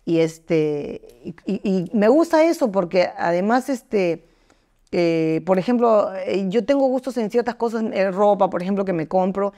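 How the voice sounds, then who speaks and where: A middle-aged woman who writes her own songs, speaking candidly in an interview. She tells her stories with energy and many fillers, jumping into higher voices whenever she quotes others. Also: measured pace. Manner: lively storyteller, jumps into high voices to act out quotes, many fillers. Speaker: singer-songwriter.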